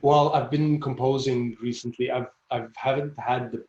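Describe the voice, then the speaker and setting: A man around forty, originally from Jordan, talking about his life in a rambling, halting interview manner full of restarts. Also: mid-range voice, steady tone, darkish tone, dull audio. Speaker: classical guitarist guest. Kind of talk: casual interview chat. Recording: roomy echo.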